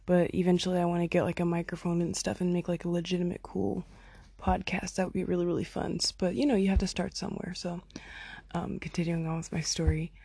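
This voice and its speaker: A woman's voice: on the low side, flat delivery, fast talker, creaky, warm tone, husky, no room sound. A young woman telling a long concert story into her phone, chatty and full of "like" and "oh my God", acting out what people said. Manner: chatty, lots of "like" and "oh my God", acts out quotes. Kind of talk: casual storytelling.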